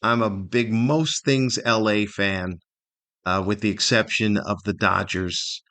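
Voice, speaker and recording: His low voice is steady, slow and sharp. An older American from Southern California, 50 or above, he hosts a solo podcast, chatting casually in a rambling, self-deprecating style.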